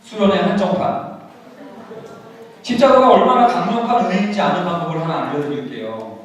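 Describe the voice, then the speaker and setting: A man preaching a sermon at a youth retreat, acting out the grumbling of churchgoers in a lively way. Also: sits high, fairly quick. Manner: animated, acts out churchgoers' grumbling lines. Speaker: pastor. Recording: echoey hall from far off.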